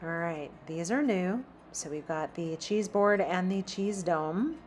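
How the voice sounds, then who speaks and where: A woman's voice: lowish voice, slow pace, a little hiss or hum. A woman chatting casually as she browses a store, reading out prices as she walks. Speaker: shopping vlogger. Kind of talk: casual shop-with-me narration. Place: inside a large store.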